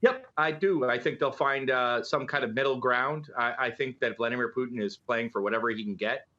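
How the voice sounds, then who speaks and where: This middle-aged man, a political analyst and journalist appearing as a guest, offers live news commentary in a conversational, hesitant style, using rhetorical questions to drive his points home. His medium-pitched voice is brisk, pushed and bright. The audio comes over a dull, lo-fi remote link.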